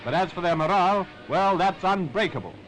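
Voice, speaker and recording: A man's voice: high voice, lively intonation, a little fast, low-quality recording. A man with a British Received Pronunciation accent reading scripted 1940s newsreel narration in a formal, rousing, patriotic manner. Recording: 1940s newsreel with music behind. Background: music.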